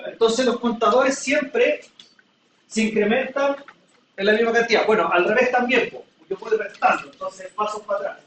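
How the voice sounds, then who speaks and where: A man lectures at a moderate pace in a high-pitched, fairly bright voice, patiently offering everyday examples and regularly confirming the class is with him. The echoey room is miked from a distance, with slight background noise.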